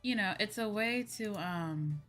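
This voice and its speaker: A young woman VTuber chats casually with her livestream viewers, her medium-pitched, fairly bright voice lively in intonation but measured in pace. She rambles hesitantly and often repeats her phrases, with faint music playing behind her.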